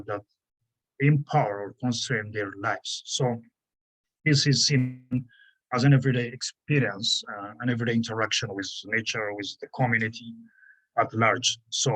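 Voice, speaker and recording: An Ethiopian man speaks on a panel at an academic conference, presenting haltingly, often pausing on "you know" and restarting phrases. His voice is medium in pitch and a bit bright, and the recording is rough.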